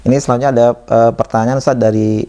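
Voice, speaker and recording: A man's voice: mid-range voice, little pitch movement, quick pace, dark tone, lo-fi sound. Polite guy reading out questions, formal moderator. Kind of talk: hosting a Q&A session.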